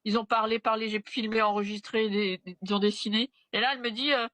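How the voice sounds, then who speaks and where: Woman guest, halting testimony, bright dry voice. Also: a little high, steady tone, dry recording. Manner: halting, retelling with quoted dialogue. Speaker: interview guest, a mother. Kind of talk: personal testimony in conversation.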